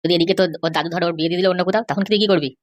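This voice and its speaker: Woman plays a prying young cartoon friend, quick and pushy. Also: on the low side, no echo, natural voice. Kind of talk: cartoon voice acting.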